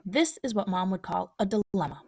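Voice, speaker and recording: Female storybook reader, soft and hushed, close and dry, medium pitch. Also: expressive, brisk, slightly rough, no room sound. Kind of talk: reading a picture book aloud.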